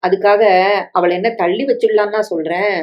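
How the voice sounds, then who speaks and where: A woman's voice: mid-range voice, fairly even intonation, moderate pace, muffled recording, lightly acted. A woman voicing a scheming middle-aged stepmother who coaxes, pleads and guilt-trips, in a story reading with dialogue. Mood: pleading. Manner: coaxing, pleading, guilt-tripping.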